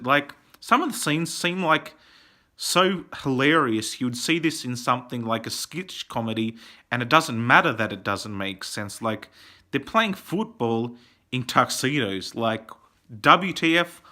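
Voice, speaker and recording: A man casually reviewing a film, rambling and animated, with plenty of fillers. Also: mid-range voice.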